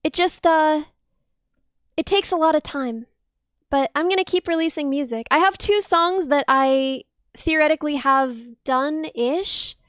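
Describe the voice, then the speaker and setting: Chatting casually with viewers on her livestream, this young streamer and musician has a high, dense, bright voice with a slightly piercing edge. Her pace is measured, and she gushes thanks amid excited shrieks in a bubbly way. The recording is close and dry.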